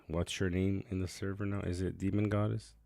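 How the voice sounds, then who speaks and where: Hosting a casual game livestream, a man chats away and mutters to himself while setting things up. His deep, creaky voice has a dark tone, and he talks fairly quickly with a flat delivery.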